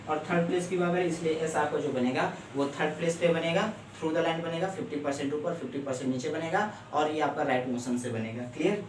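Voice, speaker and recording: A man's voice: a little high, brisk, few pauses, a little hiss or hum. Man teaching in an echoey room. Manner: explains step by step, keeps checking "clear?". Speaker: shorthand teacher. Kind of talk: classroom lecture. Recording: echoey room, mic far off.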